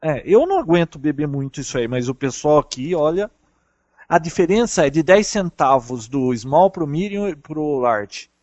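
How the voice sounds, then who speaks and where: A chatty Brazilian man with a slightly high voice tells travel stories over a call. He talks in an animated, easygoing way. The sound is dry and close. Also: moderate pace, no echo, lo-fi sound. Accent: Brazilian Portuguese. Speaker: traveling podcast guest. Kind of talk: casual chat over a call.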